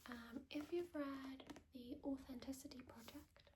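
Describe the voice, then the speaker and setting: A woman in an ASMR role-play as a gentle, helpful librarian, speaking in a soft, unhurried library soft voice. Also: high-pitched, fairly even intonation, background noise. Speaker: ASMR creator playing a librarian.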